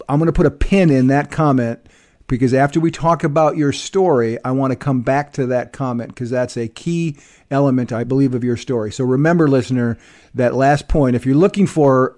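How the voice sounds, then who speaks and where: A man's voice: medium pitch, normal speed. Man hosting a podcast, reading a bio. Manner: steady, addresses the listener directly. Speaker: podcast host.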